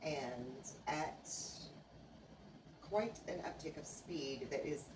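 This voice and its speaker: Very low-voiced woman channeling as seance medium. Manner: formal, stilted, oracular phrasing with halting pauses. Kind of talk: seance medium channeling, answering questions in trance. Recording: noisy, echoey room, far from microphone.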